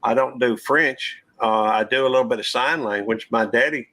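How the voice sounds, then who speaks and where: A man's voice: medium pitch, moderate pace, pushed and bright. A man, hosting a casual live-stream panel chat in a folksy, rambling drawl. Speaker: channel host.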